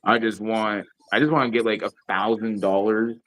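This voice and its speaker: A man's voice: fairly low pitch, fairly even intonation, normal speed, a bit bright. A man live streaming in casual chat, rambling and swearing freely with lots of filler phrases.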